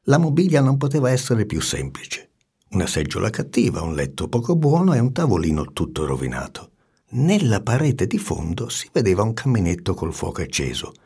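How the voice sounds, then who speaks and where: A man reading a storybook aloud with an expressive, swinging delivery and hushed asides. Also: on the low side, brisk, breathy edge.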